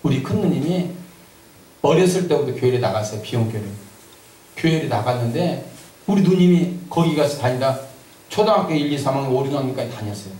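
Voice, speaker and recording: A man's voice: medium pitch, expressive, brisk, warm tone. A male pastor giving an emphatic testimony sermon in a church sanctuary, telling his story and drawing amens from the congregation. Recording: echoey church from a distance.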